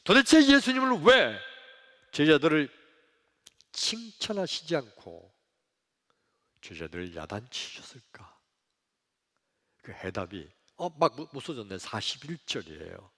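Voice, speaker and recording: A male pastor preaching a sermon in a church, telling the story dramatically, acting out voices and swinging between loud outbursts and hushed lines. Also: on the high side, sing-song, a little slow, long pauses. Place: church sanctuary. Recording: long hall reverb.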